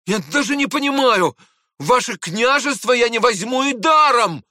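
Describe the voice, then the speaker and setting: A man's voice: high-pitched, measured pace, dry recording, studio quality, voice pushed up, full character voice. A man reading aloud and voicing a proud, hot-tempered young man who argues with indignant urgency. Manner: excited, indignant pleading.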